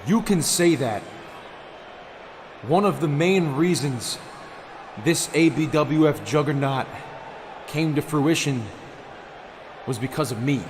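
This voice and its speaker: Intense man cutting a wrestling promo, noisy recording. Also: a little high. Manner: intense, bitter, emphatic with deliberate dramatic pauses. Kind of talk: dramatic wrestling promo monologue.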